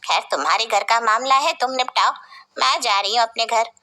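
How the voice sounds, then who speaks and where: A meddling middle-aged neighbor woman, as a woman puts her on in a family story. She lectures in a preachy, nosy way, her voice high and bright. She sounds sure of her own opinion. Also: brisk.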